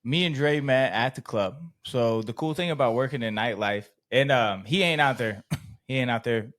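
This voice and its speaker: A man's voice: medium pitch, normal speed, fairly bright tone. Host: man in his mid-range voice, chatty, laughs often. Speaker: podcast host. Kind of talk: casual chat.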